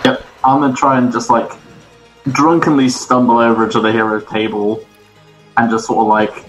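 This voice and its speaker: A man's voice: medium pitch, little pitch movement, normal speed, faint music behind, poor audio. A man playing a tabletop game, explaining his moves in a hesitant, filler-heavy way. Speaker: player. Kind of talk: casual game talk.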